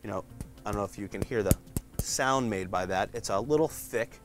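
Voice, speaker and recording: Low-voiced man giving a shop tour. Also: fairly quick, over music. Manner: relaxed, frequent "uh" fillers, explains while flipping through shirts. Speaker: print shop department guide. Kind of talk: casual walkthrough showing products.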